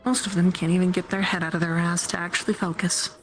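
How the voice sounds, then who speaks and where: A woman plays a dry, measured guard chatting on watch in a role-play game. Her voice is on the low side, with faint music underneath. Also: flat delivery, natural voice. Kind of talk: improvised in-character role-play, conversational.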